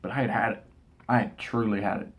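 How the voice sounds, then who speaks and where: A young man from Texas, telling a casual, animated story about an exasperating experience and often restarting his sentences. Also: fairly low pitch, fast talker, slightly rough. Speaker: vlogger.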